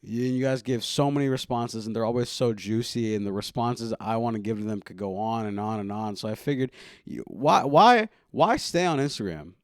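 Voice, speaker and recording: A young man hosts his own podcast from a room at home, talking casually and teasing himself as he goes. His voice sits at a middling pitch, and the recording is dry and close with little room sound. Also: normal speed, no room sound. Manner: self-mocking, rambling, playful. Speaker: podcast host. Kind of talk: casual solo podcast chat.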